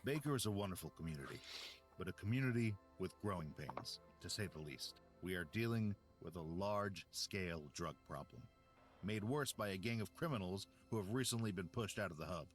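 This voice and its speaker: Low-voiced, beleaguered town official. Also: male voice, animated, fairly quick, faint music behind. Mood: weary concern. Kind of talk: video game voice acting.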